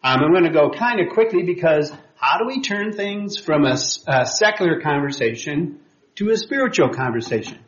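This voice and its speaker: A man teaching a church class on sharing faith, talking conversationally with many fillers and quick apologies when he slips. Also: on the high side, lively intonation, fairly bright tone. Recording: roomy, dull lo-fi room recording.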